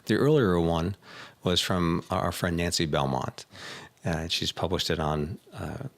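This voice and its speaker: A middle-aged man, an executive coach hosting a casual talk, who tells animated stories and acts out his clients' voices. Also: low voice, unhurried, creaky. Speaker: executive coach, podcast host. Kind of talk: casual conversation.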